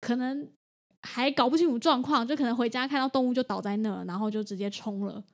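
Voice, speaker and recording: A woman's voice: on the high side, fast talker. A woman, a veterinary clinic assistant telling a story in a casual chat. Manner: animated storytelling.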